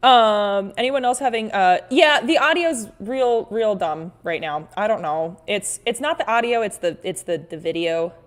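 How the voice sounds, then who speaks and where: A woman's voice: medium pitch, animated, normal speed, few pauses. A woman hosting a casual livestream, chatting playfully with viewers in an exclamatory, rambling way, often interrupting herself as she reads and reacts to comments. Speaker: livestream host and artist.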